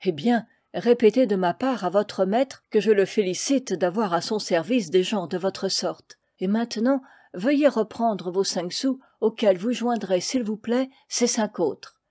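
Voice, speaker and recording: A woman voicing a gentle, effusive baker's wife in a storybook reading. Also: medium pitch, measured pace, few pauses, no echo, studio quality, natural voice.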